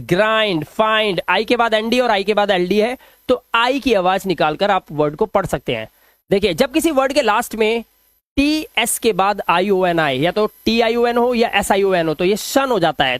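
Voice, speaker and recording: A man teaching an English phonics lesson, drawing out each word slowly and repeating the sounds for his students. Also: high-pitched, fairly bright tone, no echo, studio quality. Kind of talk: phonics lesson explained in Hindi.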